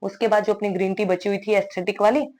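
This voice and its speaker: A woman's voice: medium pitch, steady tone, quick pace, darkish tone. A young woman vlogging her evening out in a chatty voice-over, joking and teasing herself as she goes. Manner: playful, self-mocking, jokey asides.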